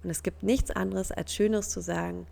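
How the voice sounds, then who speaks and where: A woman's voice: medium pitch, steady tone, fairly quick, gravelly, darkish tone. A woman coaching the listener in an earnest, personal self-help talk, sometimes acting out other people's reactions.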